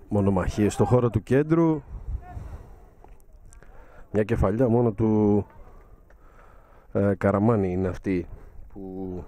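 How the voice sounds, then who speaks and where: Calm low-voiced male football commentator. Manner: measured, with frequent hesitation fillers. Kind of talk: live match commentary.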